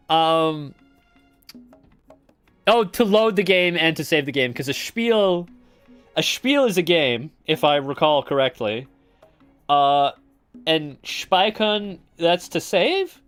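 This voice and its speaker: Slow-talking man coding on stream. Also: a little high, fairly bright tone. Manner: rambling and joking, with chuckles and trailing off; talks to viewers in chat. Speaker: game developer streaming his work. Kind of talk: casual live coding chat.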